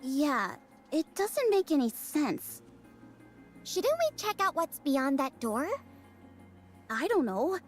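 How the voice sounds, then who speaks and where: A chatty young squad girl from a game, high and bouncing in pitch. She bickers and dithers in quick banter. Soft music runs behind. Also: sing-song, heavily acted. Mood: bickering. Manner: bantering and indecisive. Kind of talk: game voice acting.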